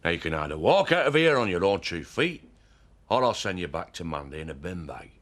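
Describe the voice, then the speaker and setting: A man's voice: big pitch swings, normal speed, a bit bright. An actor playing a menacing, possessive man in a television soap drama, threatening and contemptuous. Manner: threatening, contemptuous, growling low at times. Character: menacing, possessive man defending his farmhouse.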